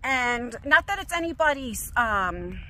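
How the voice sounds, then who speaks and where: A woman's voice: a little high, sing-song, unhurried, bright, forceful tone, slight background noise. A middle-aged woman vlogging about her life in an emotional, rambling way, restarting her sentences and pacing as she talks. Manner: pacing while talking. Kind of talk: confessional personal vlog.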